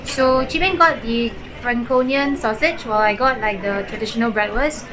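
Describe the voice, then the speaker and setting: A woman's voice: a little high, normal speed, background noise. A woman narrating a casual travel vlog outdoors, chatty and explanatory with lots of filler words like "so" and "like". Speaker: travel vlogger.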